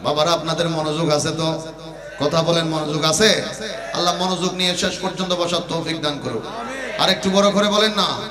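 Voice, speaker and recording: A man from Bangladesh preaching an impassioned sermon, swinging between loud high outbursts and hushed low passages, and chanting verses. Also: steady tone, a little fast, distant mic. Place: religious gathering. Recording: echoey loudspeaker sound with loud crowd.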